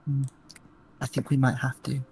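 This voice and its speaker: A man's voice: medium pitch, completely flat delivery, moderate pace, creaky, a little mellow, slight background noise. A man playing a tabletop game, casually describing and speaking for his character. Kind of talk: casual in-game role-play.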